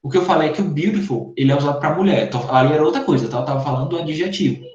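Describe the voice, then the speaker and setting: A man's voice: fairly high pitch, expressive, racing, a little mellow. A man teaching an online English class in Brazilian Portuguese, explaining patiently and checking in with his students again and again. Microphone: computer mic in a video call. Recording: echoey, dull lo-fi call audio.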